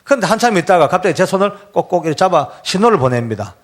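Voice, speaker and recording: A male church elder tells his testimony from the pulpit and voices every line of dialogue with deep feeling. His voice sits a little high for a man. The delivery is heartfelt sermon storytelling. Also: very animated, rapid-fire.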